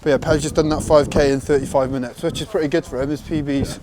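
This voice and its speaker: A man's voice: on the high side, little pitch movement, quick pace. Man giving a rambling casual update. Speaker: runner's friend and supporter. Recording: outdoor vlog with faint background noise.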